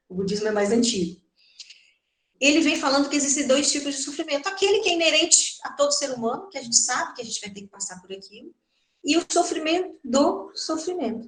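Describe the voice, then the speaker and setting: A middle-aged woman with a Brazilian Portuguese accent gives a doctrinal lecture at a spiritist center. She talks in a conversational way and keeps asking her listeners rhetorical questions. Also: a little high. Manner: conversational, asks the audience many rhetorical questions. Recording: roomy hall echo.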